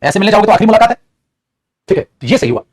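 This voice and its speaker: A man with a raised, husky voice teaches English grammar at a fast clip from a studio. He lectures in a lively, teasing way and keeps calling out to his students. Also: sits high. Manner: animated, teasing, calls students beta and pagle.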